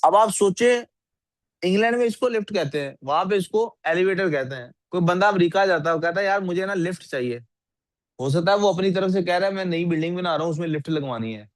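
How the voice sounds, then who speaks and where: Guy teaching a class, keeps asking students stuff, kinda high voice. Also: animated, fast, no echo. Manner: asks the class frequent questions, scolds sleepy students. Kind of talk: classroom lecture.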